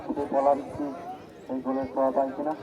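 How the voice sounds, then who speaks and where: A man's voice: medium pitch, monotone, fast, lo-fi sound. A man giving emphatic live football commentary outdoors, repeating his phrases as he announces. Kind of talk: live penalty shootout commentary. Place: outdoor village football ground. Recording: outdoor field recording with loud crowd.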